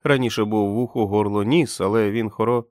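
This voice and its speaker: A man voicing a jittery, excitable young male sentry who babbles eagerly in an audiobook. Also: fairly low pitch, a little fast, no echo, studio quality, natural voice. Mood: babbling.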